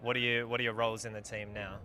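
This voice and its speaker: Bright-voiced live stream interviewer. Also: male voice, medium pitch, little pitch movement, quick pace. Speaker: livestream interviewer. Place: outdoors at a launch site.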